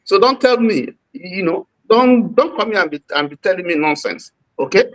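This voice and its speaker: A man's voice: high voice, expressive, moderate pace, fairly bright tone, poor audio. A Nigerian man from Lagos, calling into a livestream, heated and insistent, repeating his points. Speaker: caller on livestream.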